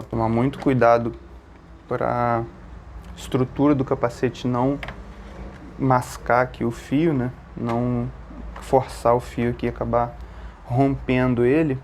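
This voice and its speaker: A man with a Brazilian accent presents an informal, step-by-step, hands-on motorcycle gear tutorial, explaining as he works and often checking in with short tag questions. His mid-range voice has a darkish tone, with a little hiss or hum on the recording.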